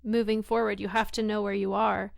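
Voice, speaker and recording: A woman's voice: medium pitch, level tone, a little fast, creaky, no echo, studio quality. A woman co-hosting a podcast who answers with affirming, reflective remarks. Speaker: podcast co-host. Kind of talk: candid podcast conversation.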